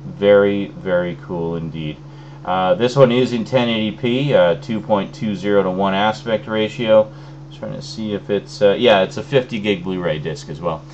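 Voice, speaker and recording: A fairly low-pitched man talks at a normal pace, casually showing off his newest film discs as a video host. He rambles in a relaxed way, full of ums, fillers and restarts, and sounds a bit phlegmy from a cold. The lo-fi recording carries a little hiss or hum.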